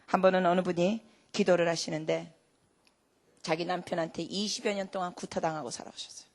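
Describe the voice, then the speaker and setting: A woman preaching a sermon. She tells stories and asks the congregation questions, swinging between loud emphatic lines and hushed whispers. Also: fairly low pitch, fairly even intonation, a little fast. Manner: storytelling with rhetorical questions to the congregation.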